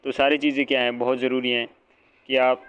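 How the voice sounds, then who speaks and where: A man's voice: medium pitch, level tone, fairly quick, a bit bright, clear, resonant tone. A male teacher giving an exam-prep lecture, asking and answering his own questions and repeating each point. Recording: dull lo-fi audio.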